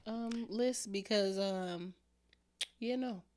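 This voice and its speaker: A woman talking casually as a podcast co-host in relaxed, everyday conversation. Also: mid-range voice, takes it slowly. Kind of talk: casual chat.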